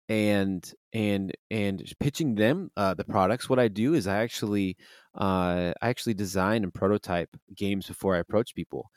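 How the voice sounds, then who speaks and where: Low-pitched guy talking up his games, keeps restarting sentences, dry close sound. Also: a little mellow, no echo. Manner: enthusiastic, rambling with many restarts and fillers. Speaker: game designer and publisher. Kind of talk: casual interview answers.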